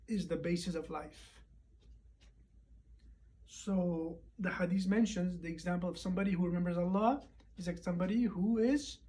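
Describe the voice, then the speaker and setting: A hoarse man who is losing his voice gives a casual, reflective recap of a Friday lecture at home, pausing often and using fillers. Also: high-pitched, dark tone. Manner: unhurried and reflective, with frequent pauses and fillers.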